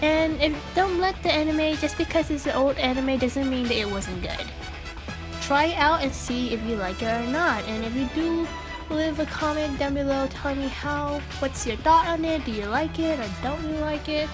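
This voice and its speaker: A woman's voice: sits high, moderate pace. A woman with a stuffy cold reviewing an anime in a blunt, casual rant full of "like" and the odd swear word. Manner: chatty, blunt, swearing, lots of "like". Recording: music playing behind.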